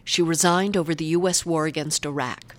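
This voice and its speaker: A woman host reading a formal, scripted introduction to an interview in a measured way. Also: low voice, fairly even intonation. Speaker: radio show host. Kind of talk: scripted introduction, read aloud.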